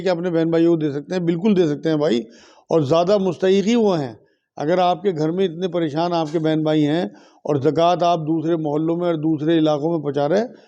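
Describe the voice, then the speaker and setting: A man's voice: fairly high pitch, dark tone, highs cut off. A man, an Islamic scholar from India, repeats questions from his listeners and answers them firmly in a religious question and answer session.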